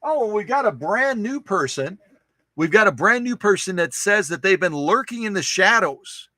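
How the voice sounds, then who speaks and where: A high, bright male voice that swings widely in pitch as he chats on a casual livestream. He greets viewers and reads their comments aloud in a playful, animated way, often repeating a phrase. The sound is dry and close, with no room echo. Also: moderate pace. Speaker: host of a sewing machine restoration channel.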